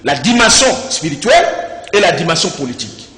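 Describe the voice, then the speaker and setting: A man with a Congolese accent, a religious speaker in a debate, preaching with fiery declaiming that rises to shouts. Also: on the high side, sing-song, fairly quick. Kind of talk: impassioned preaching in an interview. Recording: echoey reverberant room.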